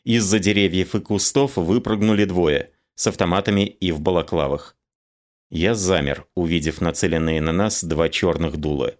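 A man reading a first-person audiobook narration in a wry, even storytelling manner. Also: low voice, normal speed.

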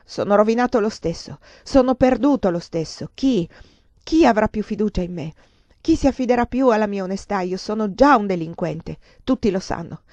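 A woman reading aloud, voicing a ruined, desperate man who shouts bitter accusations. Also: mid-range voice, lively intonation, moderate pace, dry recording, lightly acted. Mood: despairing. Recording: dull lo-fi dry recording.

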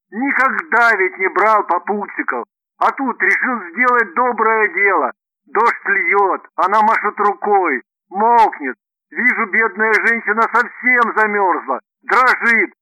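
A man voicing a panicking businessman who shouts desperately and snaps rudely. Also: high-pitched, animated, measured pace, no echo, pitched above the performer's own voice, full character voice, low-quality recording. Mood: frantic, shouting. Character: panicking middle-aged male businessman, rude and frantic.

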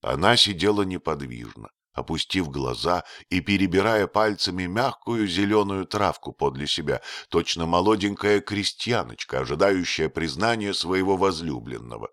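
A man narrating an audiobook in a steady storytelling manner, slowing on key words. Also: low-pitched, no echo, studio quality.

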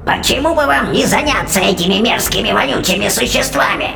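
Man voicing a gravelly, shrieking witch queen. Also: lively intonation, over music, full character voice. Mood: shrill ranting. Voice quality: shrill, snarling. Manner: slow, menacing and gravelly. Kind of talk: audiobook character voice.

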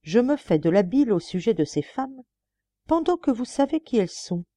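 Woman reading sly male murder suspect, mocking, defiant, mellow dry voice. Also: on the high side, very animated, moderate pace, no echo, voice pushed up. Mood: ironic. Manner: mocking, then indignant pleading.

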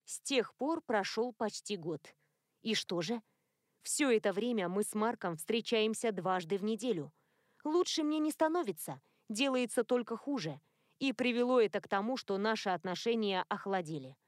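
A woman reading a first-person novel as an audiobook narrator, in a measured, intimate storytelling manner. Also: mid-range voice, expressive, dry recording, studio quality.

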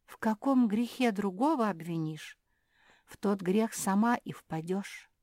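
A woman voicing a quiet girl character who lectures with moral sayings. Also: medium pitch, unhurried, dry recording, clean studio sound, voice pushed up, lightly acted. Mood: preachy. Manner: soft, sermonizing. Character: quiet preachy female moralizer.

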